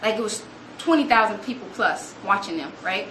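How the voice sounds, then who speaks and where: A young woman gives an animated storytelling talk to an audience, acting out quotes in a higher voice. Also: brisk. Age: young adult. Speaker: student speaker. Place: room with an audience. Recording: echoey room, noticeable background noise.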